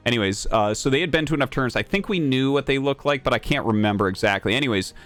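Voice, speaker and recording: A man's voice: mid-range voice, lively intonation, fast, fairly bright tone, faint music behind. A man in his thirties, a game streamer, telling a story and ranting about a match in a sarcastic, profane way. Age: 30s. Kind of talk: casual storytelling and gameplay rant.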